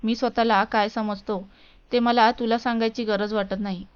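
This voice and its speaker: Storybook part: a haughty young tycoon, voiced by a woman narrator, cold and scornful, smooth, dull recording. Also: fairly high pitch, little pitch movement, moderate pace, close to an everyday voice. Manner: cold, dismissive, mocking. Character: arrogant rich young male businessman.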